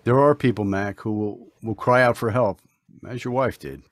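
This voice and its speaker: In an old-time radio drama, a man voices a steady, solemn, dutiful ambulance partner, delivering his lines gravely and insistently. His natural voice sits on the low side and moves at normal speed.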